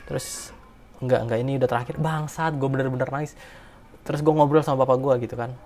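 A man's voice: mid-range voice, fairly even intonation, quick pace, darkish tone, a little hiss or hum. Man, casual emotional storyteller, rambling and slangy.

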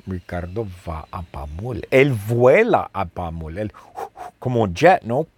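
A man telling a simple story slowly and playfully, repeating phrases and asking the listener questions. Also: lowish voice, big pitch swings, slight background noise. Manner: playful, with sound effects. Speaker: storyteller for language learners. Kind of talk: slow, simple storytelling with lots of repetition.

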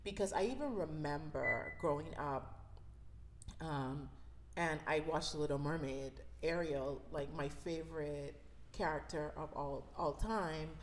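A woman's voice: low voice, a little slow, a little hiss or hum. A woman in her thirties from the Bahamas, hosting a podcast and telling personal stories in a reflective, conversational way. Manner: reflective, conversational, with fillers and laughs. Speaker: podcast host. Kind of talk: personal storytelling monologue.

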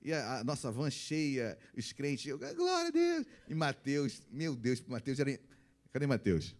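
A man's voice: medium pitch, measured pace, a little mellow. A man, a pastor preaching a sermon, emphatic and full of rhetorical questions to his congregation.

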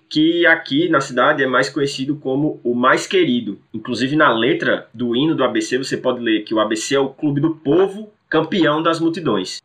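A man's voice: mid-range voice, pushed and bright. A man, hosting a reflective scripted podcast monologue. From Natal, northeastern Brazil. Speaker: podcast host.

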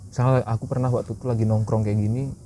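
Low-voiced man chatting candidly. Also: little pitch movement, very fast. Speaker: guest. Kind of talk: casual podcast chat. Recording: noisy background.

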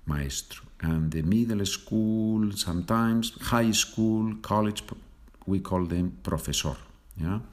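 Slow, low-voiced teacher man. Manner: slow, repeats phrases for learners. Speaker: Spanish teacher. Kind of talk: language lesson podcast.

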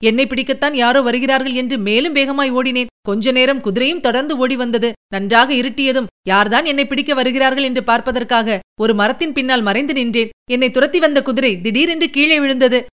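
A woman voicing a fierce, wild female ghoul priestess with a harsh, rough voice, excitedly telling her tale in a storybook reading. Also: high-pitched, fairly quick, few pauses.

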